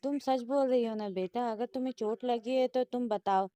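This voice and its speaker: A woman voicing an affectionate middle-aged mother in a storybook who fusses over the young couple, in her own slightly high voice. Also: moderate pace, warm tone, clear, resonant tone, no echo, natural voice. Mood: motherly. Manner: caring, motherly, fussing.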